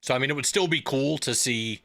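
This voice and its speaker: A man's voice: mid-range voice, fairly quick, gravelly, bright, forceful tone. A man in his thirties hosting a live stream, chatting casually and telling rambling stories. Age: 30s. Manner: rambling storyteller with filler words and restarts.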